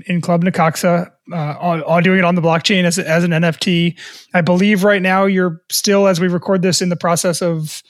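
High-voiced male co-host asking questions. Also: fairly bright tone, no room sound, studio quality. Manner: asks long, careful multi-part questions. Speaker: podcast co-host. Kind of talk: interview questioning.

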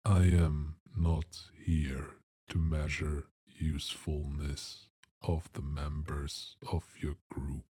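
A towering stone guardian speaks in a cavernous, unvarying monotone, as a man puts him on. Every word is dragged out slow and deliberate, husky and dark. The sound is dry and close. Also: a bass voice, pitched below the performer's own voice, heavily acted. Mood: flat, stern.

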